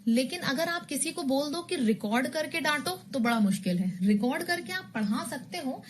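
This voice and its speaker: A woman's voice: high voice, lively intonation, moderate pace, slight background noise. A woman teaching English in a recorded online exam-prep lesson. She explains rules with memory tricks and keeps asking her students questions.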